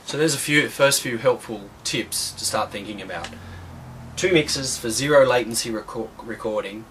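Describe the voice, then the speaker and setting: A man giving a casual, rambling walkthrough of his home studio gear, blunt and offhand, with many ums and restarts, his voice going hoarse. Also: fairly low pitch, a bit bright, slight background noise. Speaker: home studio tutorial host.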